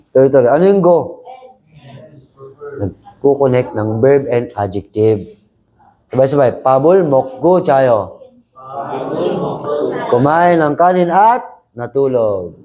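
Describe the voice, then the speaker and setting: A man's voice: medium pitch, mellow. Man teaching a Korean class. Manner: drills class in chorus, switches between Tagalog, English and Korean. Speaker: language teacher. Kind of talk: Korean exam review class.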